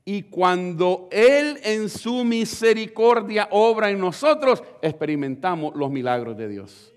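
A male pastor preaching a fervent sermon to his congregation, swinging between loud and hushed lines. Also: high voice, sing-song, measured pace, smooth. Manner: addresses the congregation directly.

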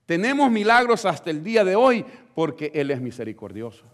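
A male pastor preaching a fervent sermon to his congregation, swinging between loud and hushed lines. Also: high voice, very animated, fairly quick. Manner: addresses the congregation directly.

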